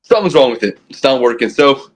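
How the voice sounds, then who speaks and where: A young adult man co-hosts a casual fan podcast, talking fast and excitedly with many restarts. He's recorded on a phone, and the stream audio is low quality.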